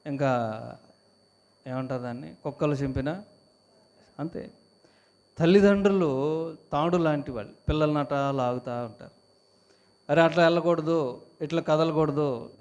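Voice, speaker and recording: A man's voice: on the high side, darkish tone. A man with a Telugu accent, a pastor preaching an emphatic sermon and calling on the congregation to answer.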